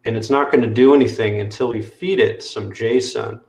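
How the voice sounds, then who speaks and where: A man walking through software on a screen-share video call, explaining step by step with frequent fillers. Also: medium pitch, normal speed, gravelly, roomy sound. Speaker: developer demoing software. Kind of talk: technical screen-share walkthrough.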